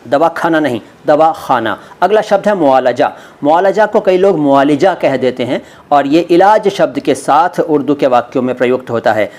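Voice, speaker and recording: A middle-aged man teaching word meanings, repeating each word with careful, slow pronunciation. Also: a little high, a little mellow. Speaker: language teacher.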